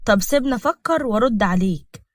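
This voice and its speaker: A woman's voice: fairly high pitch, lively intonation, quick pace, dry recording, clean studio sound. Woman voicing a wary hesitant Egyptian man. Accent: Egyptian Arabic. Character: hesitant married man tempted by a scheme.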